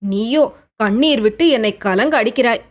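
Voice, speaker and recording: A woman voicing a gentle young prince who coaxes and pleads with the woman he loves in an audiobook. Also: fairly high pitch, normal speed, lightly acted. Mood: tender. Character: young prince, tender, coaxing, devoted lover. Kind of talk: audiobook character reading.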